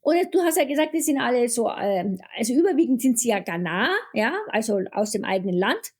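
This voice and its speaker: A woman's voice: a little high, animated, fairly quick. A woman hosting a casual interview, asking questions and giving frequent encouraging murmurs. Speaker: podcast host.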